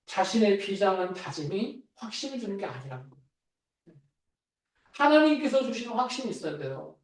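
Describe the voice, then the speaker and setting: A pastor preaches a sermon in a church sanctuary, talking conversationally and putting questions to the congregation. His high voice swings widely in pitch at normal speed, heard from far off in an echoey church hall.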